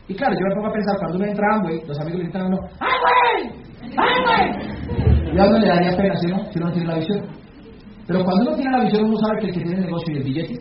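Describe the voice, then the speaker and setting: A man giving a motivational talk to a business meeting, putting questions to the audience and acting out shouted calls. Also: sits high, slight background noise. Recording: echoey, dull hall recording from far off.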